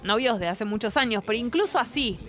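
A woman's voice: on the high side, animated, fast, faint music behind. A woman with a Rioplatense accent co-hosting a casual podcast chat, joking bluntly and asking listeners to write in. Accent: Rioplatense Spanish. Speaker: co-host.

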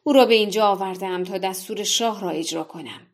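A woman's voice: medium pitch, close to an everyday voice. A woman as a timid male executioner, fearful, apologetic, hesitant. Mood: pleading.

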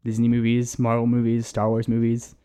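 An enthusiastic speaker in casual chat. They talk quickly and ramble from one point to the next. The voice sits at a middling pitch. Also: completely flat delivery, mellow, clear, resonant tone.

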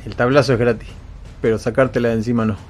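A man running a tabletop game, narrating in a lively, animated way. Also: medium pitch, fast, faint music behind. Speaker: game master.

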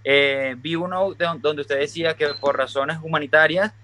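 A man's voice: on the high side, fairly even intonation, moderate pace, bright, forceful tone, slight background noise. A man from Venezuela, calling into a live stream over a video call, polite and a little hesitant. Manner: polite, hesitant, many fillers. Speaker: caller. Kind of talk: caller asking a question on a live stream.

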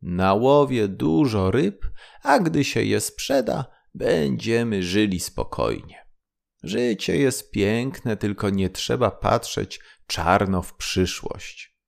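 A poor young fisherman from a fairy tale speaks in a hearty, carefree voice, done by a man. His voice is low and gravelly, and he speaks slowly, with loud, lively swings. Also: full character voice. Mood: hopeful.

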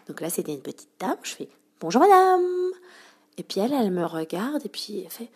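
A woman's voice: on the low side, sing-song, fast talker, warm tone, husky. A woman podcaster telling comic stories from her shop job in a chatty, playful way, full of fillers. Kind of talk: comic anecdote monologue.

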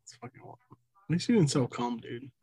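A man co-hosting a podcast, teasing his friend with quick wisecracks in casual chat. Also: mid-range voice, very animated, warm tone. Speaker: podcast co-host.

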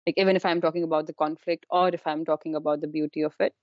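Rapid-fire and low-voiced with little pitch movement, a young woman from Kashmir answers as a guest in an informal conversational interview. The university student has a Kashmiri Indian accent and keeps saying "like" and "you know." The recording has a dull, echoey, roomy quality.

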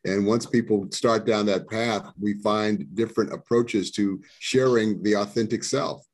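A man, a podcast guest, talking reflectively with some halting restarts. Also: fairly low pitch, steady tone. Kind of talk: podcast interview.

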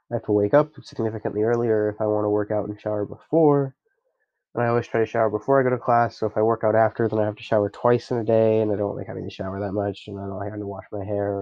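A young man with a stuffy nose hosts a podcast solo, chatting casually and rambling with lots of fillers. His voice is on the low side, and the recording has its highs cut off.

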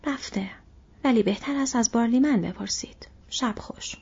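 A woman voicing a wary male village gatekeeper in a brisk, raised voice. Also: a little high, gravelly, darkish tone, husky, pitched above the performer's own voice, full character voice. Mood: gruff welcome. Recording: dull lo-fi recording.

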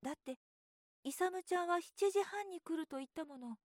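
A woman voicing an eager, worried young boy in a soft, hushed voice while reading a storybook aloud. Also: normal speed, no room sound, studio quality. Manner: soft, raised pitch, hushed.

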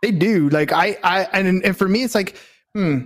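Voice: mid-range voice, moderate pace. A speaker in a casual debate who talks hesitantly, asking questions and often restarting sentences. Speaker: conversation partner.

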